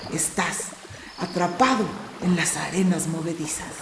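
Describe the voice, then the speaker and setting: Woman voicing a calm, wise guide. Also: unhurried, vocal fry, noisy background. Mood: soothing. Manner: low, soothing and steady. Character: calm, wise guide who rescues the hero. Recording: roomy with background music.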